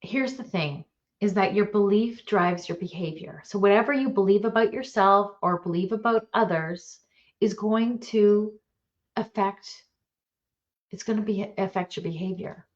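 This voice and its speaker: A middle-aged woman mentor giving a motivational talk, telling personal stories in an earnest, animated way with bursts of laughter. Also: medium pitch, unhurried, highs cut off. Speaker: mentor and coach.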